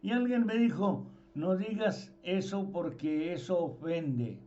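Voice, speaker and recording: Slow, emphatic preacher with a high voice. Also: male voice, animated, a little mellow. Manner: slow, emphatic, repeats words for stress. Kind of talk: informal sermon. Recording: dull lo-fi sound.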